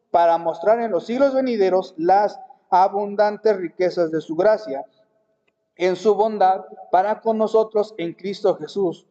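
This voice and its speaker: A man's voice: high-pitched, warm tone. A man preaching a sermon as pastor, often repeating and restarting words. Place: church hall. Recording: dull lo-fi recording with long hall reverb.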